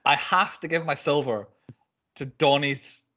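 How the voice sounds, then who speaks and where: A man hosting a casual film podcast, talking in an animated, rambling way and often correcting himself. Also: fairly high pitch, unhurried. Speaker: podcast host.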